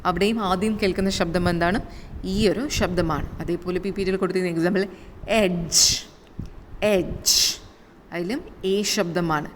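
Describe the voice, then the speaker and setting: A woman with a Malayali accent teaching a phonetics lesson, repeating and drawing out sample words and answering her own questions. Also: on the low side. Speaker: English teacher. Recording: long reverb, faint room noise.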